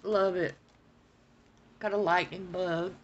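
Slow, rambling woman. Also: lowish voice, fairly even intonation, dull audio, slight background noise. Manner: rambling, stammering, repeats herself. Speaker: coloring channel host. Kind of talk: casual chat reviewing art supplies. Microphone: phone.

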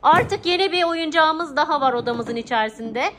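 Brief: very high-pitched woman, playful mom host, noisy home video. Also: moderate pace. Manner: playful and animated, often laughing. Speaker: mother and channel host. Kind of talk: casual family vlog narration. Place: family home indoors.

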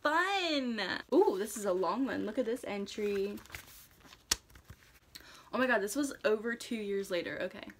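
A young American woman reading and chatting casually, with an animated, theatrical delivery and amused self-mockery. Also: mid-range voice, unhurried, long pauses, background noise. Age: young adult. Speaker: vlogger. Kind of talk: casual chat and reading own childhood diaries aloud. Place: dark room indoors at home.

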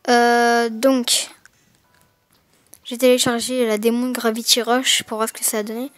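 A woman with a somewhat high voice narrates an unboxing in a loose, casual way. She speaks into a gaming headset mic. Her delivery is hesitant and full of fillers and mid-sentence self-corrections. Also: flat delivery, a little slow, smooth, no room sound, faint music behind. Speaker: gaming video maker.

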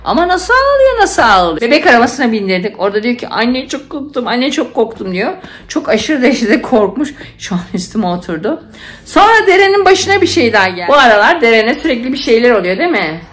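Speaking quickly in a fairly high, sing-song, slightly bright voice, this middle-aged woman, a nurse and mom, talks to the camera from home. Her storytelling is chatty and emotional, peppered with fillers.

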